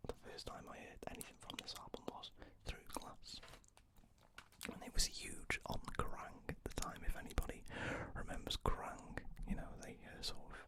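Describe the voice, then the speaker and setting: A man speaking in a close, ear-to-ear unvoiced whisper, rambling casually for ASMR with hesitant asides. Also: normal speed. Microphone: close ear-to-ear ASMR microphone.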